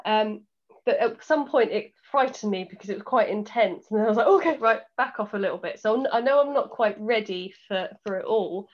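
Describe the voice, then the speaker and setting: A woman interviewer asks questions and shares her own experiences in an eager, searching and halting way. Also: medium pitch, a little mellow. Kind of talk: curious interview chat. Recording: slightly dull lo-fi sound.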